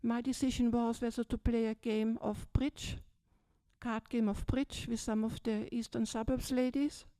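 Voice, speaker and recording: Older Austrian-accented nun, dry sound. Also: female voice, a little high, little pitch movement, normal speed, dark tone, dry recording. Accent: Austrian German. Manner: chatty, frequent "yes?" and "yeah?" checks. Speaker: Buddhist nun. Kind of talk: retreat talk, personal story. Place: large dim hall, seated on a low stage. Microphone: handheld microphone.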